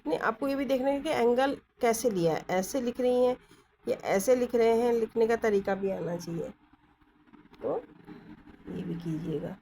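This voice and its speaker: A woman teaching stenography in Hindi with English terms, explaining slowly and checking often whether her students follow. She holds her phone in one hand as she writes. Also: fairly high pitch, warm tone, a little hiss or hum, poor audio. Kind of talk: Hindi-English shorthand lesson. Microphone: phone held in one hand.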